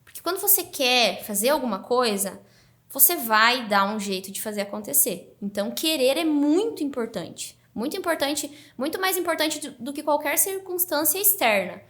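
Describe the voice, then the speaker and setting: A woman's voice: high voice, normal speed. A woman guest on a podcast, telling her story animatedly in a casual interview. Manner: animated, excited narration.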